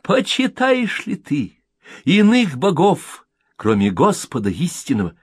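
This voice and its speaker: A man's voice: fairly high pitch, wildly swooping pitch, slow, slightly rough, no room sound, voice pushed up, heavily acted. A man reading an audiobook aloud, voicing a fervent male evangelist preacher who rouses a crowd with rhetorical questions. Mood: exclaiming.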